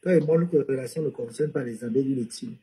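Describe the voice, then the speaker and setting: A man's voice: mid-range voice, fast talker, mellow, slightly rough, poor audio. A man hosting a casual live stream, repeating himself as he asks viewers to support him.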